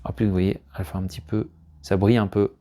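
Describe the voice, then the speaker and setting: A man's voice: fairly low pitch, level tone, fast talker, background noise. Rambling man chatting about his collection. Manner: rambling, hesitant, chuckling often. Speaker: collector showing his finds. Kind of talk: casual unboxing chat to camera. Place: room at home, indoors.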